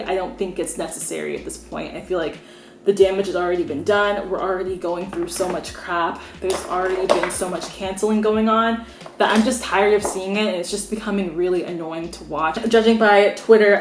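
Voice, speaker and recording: A woman's voice: mid-range voice, fairly even intonation, fairly quick, a little hiss or hum. A young American woman giving her frank, opinionated take as a beauty vlogger, chatting casually with lots of "like"s. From United States. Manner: frank, opinionated, conversational with many "like"s. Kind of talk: candid opinion vlog. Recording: roomy echo.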